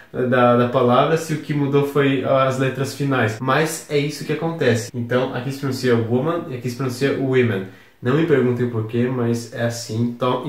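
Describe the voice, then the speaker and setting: A man with a Brazilian Portuguese accent gives a recorded lesson in a calm, patient way, stopping to spell words out one letter at a time. His voice sits at an ordinary middle pitch. The room around him adds a clear echo. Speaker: English teacher.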